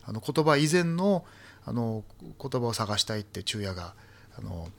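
Brief: male guest, soft and halting, voice rises and falls a lot. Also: lowish voice, big pitch swings, vocal fry. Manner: halting, many fillers, soft-spoken with bursts of laughter. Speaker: poet and essayist guest. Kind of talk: casual talk-show conversation.

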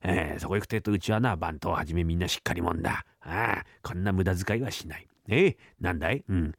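A man's voice: low voice, fast, gravelly, no room sound, studio quality, voice pushed down. A man voicing a stingy, fussy old male shop master in a comic rakugo tale, grumbling and scolding. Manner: grumbling, scolding, muttering to himself. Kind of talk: rakugo storytelling.

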